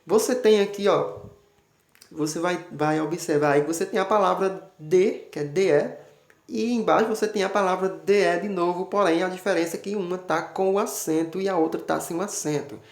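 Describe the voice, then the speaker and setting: A man with a Brazilian Portuguese accent, a teacher steadily explaining a worksheet and drawing out example words slowly. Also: sits high, gravelly. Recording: roomy echo.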